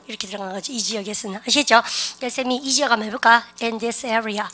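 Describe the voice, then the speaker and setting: A woman teaching an online English grammar lecture, animated and coaxing her students to repeat example sentences aloud. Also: a little high, rapid-fire.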